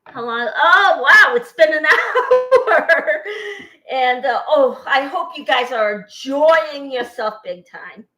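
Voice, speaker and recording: An older woman hosts her own cooking vlog from a home kitchen, chatting along at an unhurried pace. Her voice is bright and fairly high, and the kitchen gives it a roomy, echoey sound. She rambles and laughs easily. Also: big pitch swings. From born in Boston, Armenian family. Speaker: cooking channel host. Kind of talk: casual cooking vlog chat.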